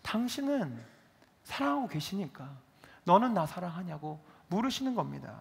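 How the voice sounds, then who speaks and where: A male pastor preaching a sermon, lively, acting out quoted dialogue as he goes. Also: high-pitched, moderate pace, creaky, slightly rough. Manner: animated, acts out dialogue in his telling. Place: church sanctuary. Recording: reverberant church hall.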